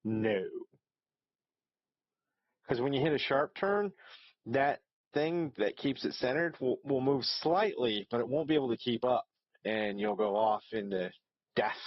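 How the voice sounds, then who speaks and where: A man's voice: mid-range voice, lively intonation, a little slow, long pauses, dry recording, dull audio. A man hosting a reaction video, talking casually and rambling, with lots of ums and restarts. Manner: rambling, hesitant, with many fillers.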